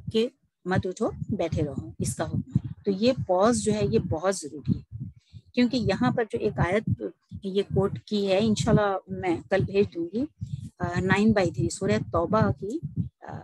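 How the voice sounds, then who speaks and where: A woman teaching an online recitation class over a video call, explaining patiently and slowing down to recite examples. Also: medium pitch, darkish tone, breathy edge, no echo, poor audio.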